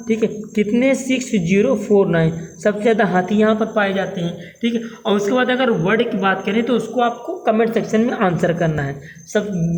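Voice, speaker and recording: A man's voice: high-pitched, slight background noise, low-quality recording. A man teaching exam-prep current affairs as a lecture, repeating each question and tagging lines with "theek hai", in a North Indian Hindi accent.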